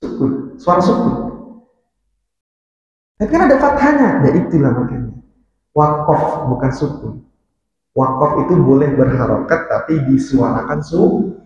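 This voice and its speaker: A man's voice: mid-range voice, sing-song, a little mellow. Male religious teacher in an echoey mosque. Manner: explains patiently, repeats key terms, chants Quran verses slowly. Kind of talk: mosque study lesson on Arabic grammar. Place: mosque hall. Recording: echoey mosque hall, dull lo-fi sound.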